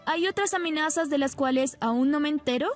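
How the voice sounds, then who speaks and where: A woman's voice: sits high, a little fast, soft background music, voice pushed up, natural voice. A woman reading the lines of a guarded, cool young husband.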